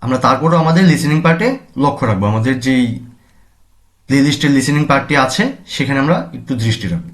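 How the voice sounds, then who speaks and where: A man from Bangladesh teaching a language lesson, slowly saying each word and then its meaning, repeating terms for his students. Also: medium pitch, expressive. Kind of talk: classroom lesson explanation.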